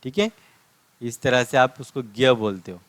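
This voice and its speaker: A man's voice: medium pitch, moderate pace, a bit bright, no room sound. A man teaching a language lesson, drilling letters and syllables one by one and explaining how to pronounce each.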